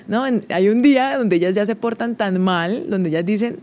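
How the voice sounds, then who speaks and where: A woman's voice: mid-range voice, normal speed, a little mellow. A woman, hosting a casual, confiding monologue and laughing often as she talks. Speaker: host.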